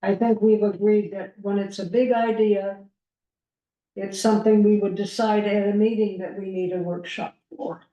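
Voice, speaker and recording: A woman serving as a port commissioner, speaking deliberately and emphatically in a public board meeting held over a video call. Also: medium pitch, steady tone, dark tone, echoey room, dull audio. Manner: deliberate, emphatic, slows down on key points.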